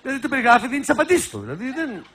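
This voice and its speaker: A man's voice: extremely high pitch, wildly swooping pitch, fairly bright tone, breathy edge. A man hosting a satirical show, giving sarcastic, teasing comic commentary.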